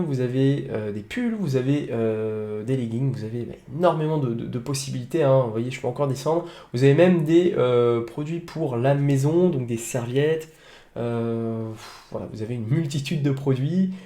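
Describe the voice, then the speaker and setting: A man's voice: mid-range voice, mellow, reverberant. A young man walking viewers through an online store setup in a screen-recorded tutorial, hesitant, with many fillers and restarts, in a home office with a computer fan humming.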